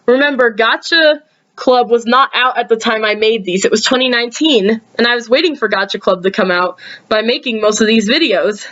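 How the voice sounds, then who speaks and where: A woman's voice: a little fast, a bit bright. Sleepy chatty woman, lo-fi recording. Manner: chatty, with frequent ums and sudden upward pitch jumps. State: sleepy, yawning. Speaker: video creator reviewing her own episodes. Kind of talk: casual rambling commentary.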